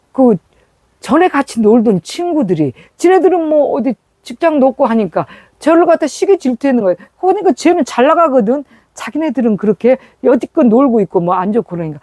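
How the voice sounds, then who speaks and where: A woman's voice: sits high, warm tone, dry recording. A woman preaching a sermon through a personal story, acting out the scenes as she tells them.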